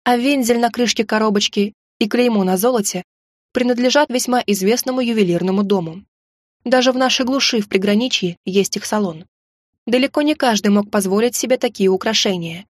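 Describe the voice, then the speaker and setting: A woman reading a first-person audiobook with expressive, emotional storytelling. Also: on the high side, brisk, no echo, clean studio sound. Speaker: audiobook narrator.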